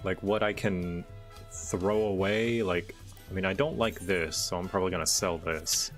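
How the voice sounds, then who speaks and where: Low-pitched streamer in casual game chat, music behind. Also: normal speed. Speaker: streamer chatting while gaming.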